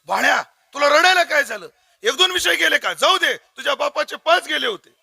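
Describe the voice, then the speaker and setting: A man putting on a doting village mother, coaxing and gently teasing. The voice rides high and lively, bright with a gravelly edge. It is dry and close. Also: a little fast, heavily acted.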